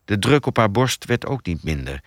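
A man narrating a thriller audiobook in an expressive storytelling manner. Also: on the low side, moderate pace, no room sound, studio quality.

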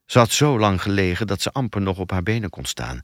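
Low, expressive male audiobook narrator. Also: brisk, no echo, studio quality. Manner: expressive storytelling.

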